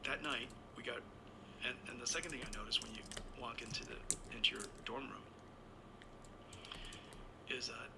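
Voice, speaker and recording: This interview guest, a Taiwan-born man in his sixties, has a medium-pitched voice with vocal fry and speaks at a moderate pace, pausing often, amid heavy background noise. His long personal story rambles from anecdote to anecdote, with regular self-corrections.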